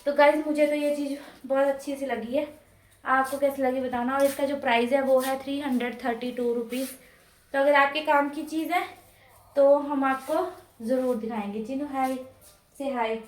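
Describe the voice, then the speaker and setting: A woman's voice: high voice, steady tone, normal speed. A woman in her thirties chatting casually at home for her vlog, talking into a clip-on mic in a rambling, chatty way. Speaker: vlogger. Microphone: clip-on mic close to mouth.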